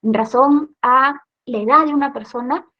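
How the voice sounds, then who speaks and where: A woman's voice: sits high, normal speed, highs cut off. A woman with a Peruvian accent teaching a training session for police, explaining step by step and often checking in with her listeners. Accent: Peruvian Spanish. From Peru. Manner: tag questions, explanatory. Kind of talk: training lecture.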